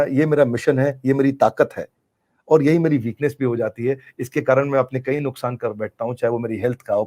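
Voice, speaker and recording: A man's voice: mid-range voice, warm tone. A middle-aged man answers interview questions with earnest conviction. He speaks in a mid-range voice and drives his points home by repeating phrases. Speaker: business coach being interviewed.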